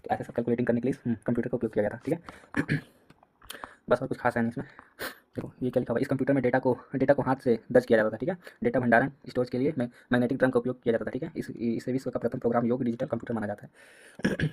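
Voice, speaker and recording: A young man giving a casual exam-prep lesson, talking in a quick, repetitive way and often clearing his throat. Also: mid-range voice, level tone, darkish tone. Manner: rapid, repetitive, casual, addresses students as "bhai". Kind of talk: fast late-night revision lecture.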